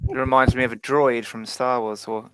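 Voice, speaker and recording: A man's voice: medium pitch, little pitch movement, normal speed, a crowd in the background. A man hosting a casual football fan podcast panel, teasing his guests as he steers the chat. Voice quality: bantering, teasing. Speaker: host.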